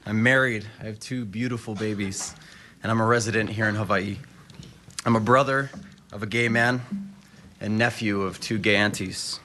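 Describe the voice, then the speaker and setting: Man, late 20s, bright and forceful voice, impassioned public testimony at a podium mic, faint room noise. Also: fairly low pitch, steady tone, moderate pace. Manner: firm, impassioned, rhetorical questions. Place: state capitol hearing room.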